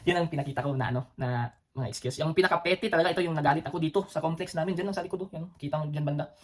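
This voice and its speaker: A Filipino man with a Cebuano accent hosts a casual storytelling vlog, speaking very fast in a slightly high voice. An adult and former soldier with children, he rambles, full of fillers and restarts, chuckling between phrases.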